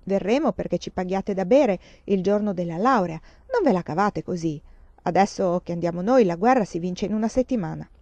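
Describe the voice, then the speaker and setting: A woman's voice: lowish voice, animated, fairly quick, mellow, no room sound, muffled recording. A woman reading a novel voices a cocky young man joking before leaving for war. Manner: bantering.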